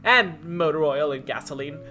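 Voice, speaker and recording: A woman acts out a chipper vagabond tomcat for a cartoon dub. His talk is folksy, bright and bouncy in pitch, over light guitar music. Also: lively intonation, moderate pace, exaggerated voice. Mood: jaunty. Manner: jaunty, folksy.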